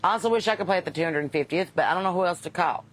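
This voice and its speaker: A woman's voice: on the low side, very fast. Folksy Southern woman chatting off the cuff. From Kentucky. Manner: folksy, unpolished, wisecracking. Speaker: host and singer chatting with live viewers. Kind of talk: casual livestream chat.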